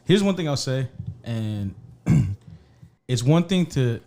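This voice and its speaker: A man co-hosting a casual podcast chat, loud, slangy and profane, close to the mic. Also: medium pitch, big pitch swings, slow, gravelly. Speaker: podcast co-host.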